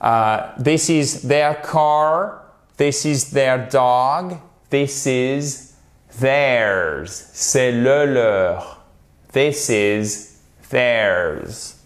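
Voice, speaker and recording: A man's voice: medium pitch, very slow. A man teaching a language lesson, spelling out and repeating example phrases and checking in often with short questions. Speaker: English teacher.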